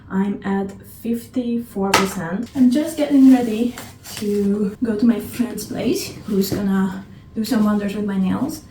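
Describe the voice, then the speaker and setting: A young woman from Hungary chatting casually as she narrates her travel and reading vlog, with soft laughs. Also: mid-range voice, background noise. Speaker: book vlogger. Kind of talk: casual vlog voiceover and diary talk.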